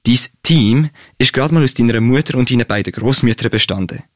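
A man's voice: mid-range voice, no room sound, studio quality, close to an everyday voice. A man voicing a cheeky young woman with a Swiss German accent who corrects her boyfriend's story. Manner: cheeky, quick to interrupt.

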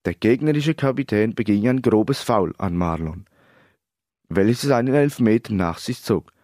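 A man narrating a story in a steady, even reading voice. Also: fairly low pitch, unhurried, dry recording, clean studio sound.

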